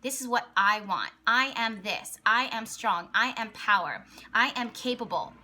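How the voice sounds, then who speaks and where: Hoarse from a partly lost voice, the young adult host of an astrology channel chats to camera about astrology, her slightly high voice raspy and occasionally cracking. She's unhurried yet excited, rambling with lots of fillers and restarts.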